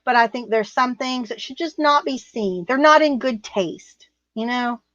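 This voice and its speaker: A middle-aged woman co-hosts a livestream, reading out viewer comments in blunt, rambling casual chat and laughing often. Her voice sits on the high side with a fairly bright tone and an unhurried pace. The recording is muffled and dry, with no room sound.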